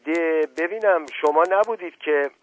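A man doing a shrill scolding old woman. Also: lightly acted. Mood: shrieking. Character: sharp-tongued scolding older woman. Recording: tinny radio broadcast.

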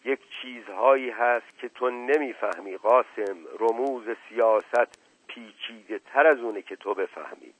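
A male narrator voicing a pompous, paranoid older patriarch who lectures gravely, in a storybook reading. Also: mid-range voice, no echo, natural voice. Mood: weak, grave. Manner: grave, lecturing and self-important. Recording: tinny narrow-band radio sound, dry.

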